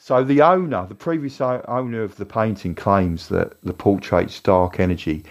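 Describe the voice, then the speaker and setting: A deep-voiced man with a low, relaxed register chats on a comedy podcast. He wanders through a story, corrects himself and often breaks into little laughs. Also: normal speed. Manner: rambling, self-correcting, giggly storyteller. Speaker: podcast co-host. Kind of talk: casual comedic chat.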